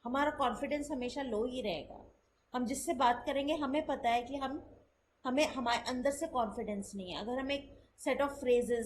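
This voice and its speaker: A woman teaching spoken English in a lesson, explaining step by step in Hindi mixed with English and saying sample sentences slowly to show the contrast. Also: fairly high pitch, slight background noise, low-quality recording.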